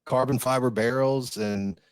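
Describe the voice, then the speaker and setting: A man's voice: mid-range voice, steady tone, a little slow, a little hiss or hum. A man co-hosting a podcast, chatting casually in a folksy way, with frequent laughs and repeated words. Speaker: podcast co-host. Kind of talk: casual chat.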